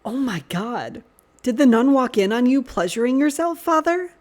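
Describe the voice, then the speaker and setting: A woman's voice: mid-range voice, expressive, normal speed, a little mellow, natural voice. A woman voicing a teasing, blunt young man who talks frankly.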